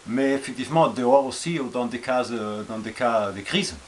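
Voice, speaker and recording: A man with an Austrian accent talks through his survival gear in a loose, halting way, full of fillers and restarts. His voice sits at an ordinary pitch for a man. A faint hiss runs under the recording. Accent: Austrian German. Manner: hesitant, many fillers and restarts, relaxed and informal. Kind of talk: casual show-and-tell vlog.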